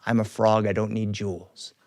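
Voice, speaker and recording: A man's voice: lowish voice, flat delivery, moderate pace, a little mellow, no room sound, clean studio sound, voice pushed down, natural voice. A man voicing a hideous magic talking frog who bargains insistently with a princess in a spoken fairy tale.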